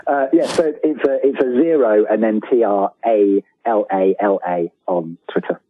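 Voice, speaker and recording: Speaking at normal speed in a voice on the low side, the guest, a writer of books and audio dramas, chats casually in a remote interview. He's hesitant and wryly self-deprecating. The call sounds tinny and phone-like, with a little hiss or hum.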